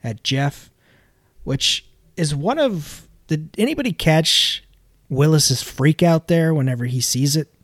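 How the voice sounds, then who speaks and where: A man's voice: a little high, expressive, takes it slowly, no echo, clean studio sound. A man hosting a casual podcast, recapping a film scene by scene in plain narration.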